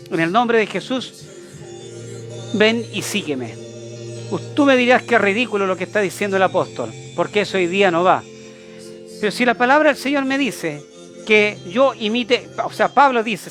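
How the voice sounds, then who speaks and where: A man's voice: sits high, a bit bright. A man with a Chilean accent preaching a sermon as an apostle, emphatic and repetitive, with many rhetorical questions to his listeners. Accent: Chilean Spanish.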